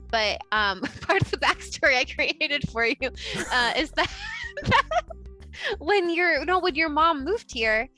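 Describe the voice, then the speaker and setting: A woman's voice: high voice, pushed and bright. A woman running a tabletop roleplaying game as game master, narrating casually in a playful, giggly manner.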